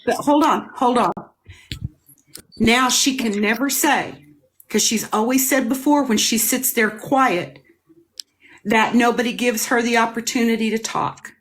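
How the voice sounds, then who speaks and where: A woman's voice: on the high side, a little slow, rough recording. A woman hosting a live panel debate, making her points emphatically and repeating them. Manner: emphatic, repetitive, explanatory. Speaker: panel host.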